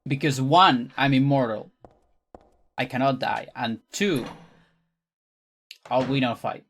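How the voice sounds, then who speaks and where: A game streamer with a Chilean accent and a medium-pitched voice, a native Spanish speaker. The talk is casual and off the cuff, aimed at a live chat. The manner is playful and teasing. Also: takes it slowly, a bit bright. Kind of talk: casual livestream chat while gaming.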